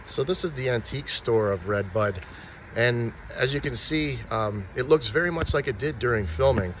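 A man's voice: medium pitch, normal speed, a bit bright, a little hiss or hum. Chatty man giving an outdoor walking tour. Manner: chatty, pointing things out, restarts often. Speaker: filming location tour guide. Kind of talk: casual walking-tour narration. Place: outdoors and at shop windows in a small town. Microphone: handheld phone.

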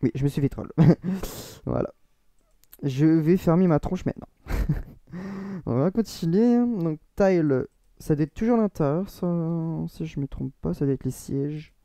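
Man, French accent, casual tutorial talk, rambling and self-correcting, mellow dark tone. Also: fairly high pitch, lively intonation, a little slow, no room sound. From France. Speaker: modding tutorial creator. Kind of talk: casual screen-recorded tutorial.

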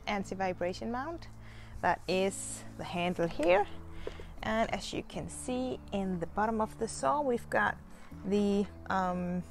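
A woman in her thirties talks viewers through a hands-on demonstration in an easy, unhurried way, taking her time between phrases. She sounds relaxed and chatty, with the odd filler, recorded outdoors on a clip-on mic. Soft music sits quietly underneath. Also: mid-range voice. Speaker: chainsaw channel host. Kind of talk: casual demonstration. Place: outdoors in a garden.

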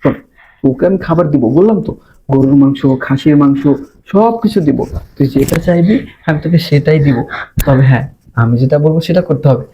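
A man playing a fast-talking, coaxing schemer. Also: a little high, slight background noise, lightly acted, rough recording. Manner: coaxing, insistent and hushed. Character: scheming young man luring a madwoman.

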